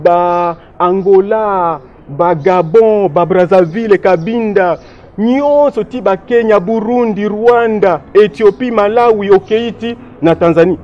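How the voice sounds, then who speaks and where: A man's voice: high voice, darkish tone, dull audio. A man from DR Congo, giving emphatic, lecturing political commentary in a discussion and running through lists of places and dates.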